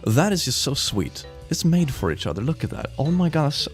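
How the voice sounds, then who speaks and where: A man's voice: fairly high pitch, big pitch swings, normal speed, soft background music. A man hosting a video where he reads comics aloud and reacts to them, bubbly and playful. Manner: bubbly, playful, breaks into laughter. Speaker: host.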